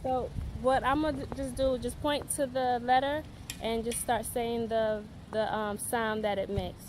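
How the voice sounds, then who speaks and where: With outdoor ambient noise in the background, a young mother in a park chats casually and runs a simple vlog lesson for her toddler, using sing-song prompts. Her fairly high voice is flat in delivery and unhurried.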